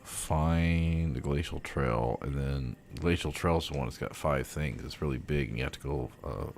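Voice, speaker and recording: A man's voice: extremely low pitch, moderate pace, a little mellow, a little hiss or hum. A tired man streaming a game late at night, rambling through his plans with casual swearing and lots of fillers. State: sleepy, yawning. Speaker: gaming streamer. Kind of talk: casual gameplay commentary.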